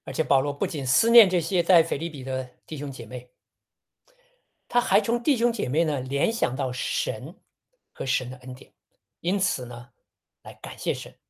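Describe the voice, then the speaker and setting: Measured preacher asking rhetorical questions. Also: mid-range voice, animated, husky. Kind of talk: sermon on a Bible passage.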